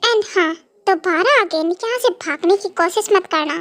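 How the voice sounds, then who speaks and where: A woman's voice: very high-pitched, measured pace, a bit bright. A woman voicing a possessive, menacing young mafia husband in an amateur fan dub, talking in cold, mocking threats and commands.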